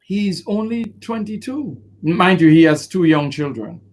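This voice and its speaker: Expressive male lawyer, high-pitched, animated interview delivery. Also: a little slow. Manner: expressive, acts out quotes with laughter. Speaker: defense lawyer.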